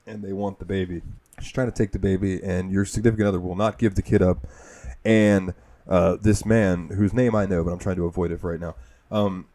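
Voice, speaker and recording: A man with a low, warm, mellow voice retells a game's opening on a casual podcast. He rambles and swears freely as he talks. The recording is dry and close. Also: fairly even intonation, brisk, dry recording. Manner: rambling, profane storytelling. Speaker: podcast host. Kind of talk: casual gaming podcast chat.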